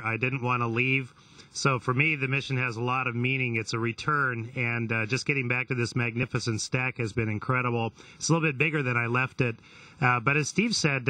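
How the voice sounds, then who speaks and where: A man's voice: medium pitch, dry recording. A man, an astronaut, giving a reflective interview answer, picked up from a distance. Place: aboard a space station. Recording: bright, distant microphone pickup.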